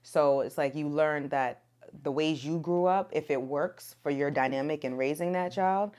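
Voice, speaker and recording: A young woman, Ethiopian by birth and raised in America, talks at a normal speed in a low voice as a podcast guest. Her casual conversation about being a mother is relaxed and full of "like" and "um."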